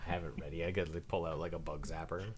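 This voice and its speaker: A man's voice: low-pitched, little pitch movement, very fast, a crowd in the background. A man chatting casually as a player in a tabletop role-playing game.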